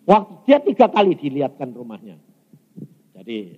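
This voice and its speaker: A man's voice: fairly high pitch, moderate pace, husky. A man preaching a sermon in a Javanese-tinged Indonesian accent, telling a story and acting out the dialogue. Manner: animated, acts out dialogue in changing voices. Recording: dull, echoey church hall recording.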